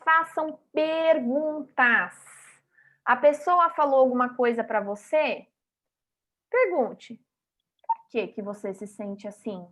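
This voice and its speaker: A woman's voice: high voice, slow, long pauses, fairly bright tone. A woman giving a motivational talk, emphatic and rhythmic, speaking straight to the audience. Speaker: speaker at a vegan festival talk.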